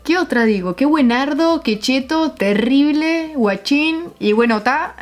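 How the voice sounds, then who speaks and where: Woman, Uruguayan accent, young adult, casual vlog, chatty, slightly high voice. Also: expressive, measured pace, soft background music. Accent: Uruguayan Spanish. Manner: chatty, laughs often, searches for words. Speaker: vlogger. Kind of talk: casual vlog explaining slang.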